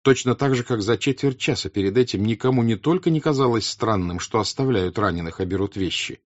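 A man with a husky voice narrating a novel in a scripted reading. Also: on the low side, fairly quick. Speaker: audiobook narrator. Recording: slightly dull, dry recording.

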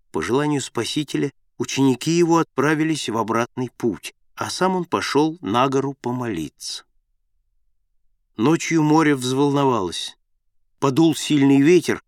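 A man's voice: medium pitch, no room sound. Solemn male storyteller, dry close sound. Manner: measured, solemn reading. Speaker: narrator. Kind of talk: scripted narration of a Bible story.

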